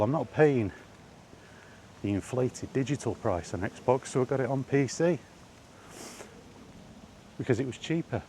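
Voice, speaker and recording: With faint outdoor ambience around him, a male vlogger walks beneath trees and chats casually, rambling wryly and grumbling. He has a warm voice of medium pitch.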